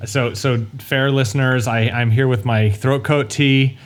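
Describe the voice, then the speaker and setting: A man co-hosting a podcast while hoarse from illness, animated and stammering in casual chat. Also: mid-range voice, unhurried, slight background noise. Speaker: podcast co-host.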